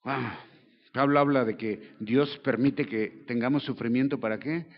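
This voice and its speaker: A man's voice: mid-range voice, steady tone, moderate pace, muffled recording. A man with a Mexican accent preaching a sermon at a church service. He talks to the congregation in a conversational way, often checking in with them.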